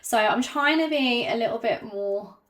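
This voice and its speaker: A woman vlogging to camera without a script, hesitant and self-conscious, with many ums and pauses, and slightly out of breath. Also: fairly high pitch. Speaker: YouTuber. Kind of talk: unscripted talk to camera.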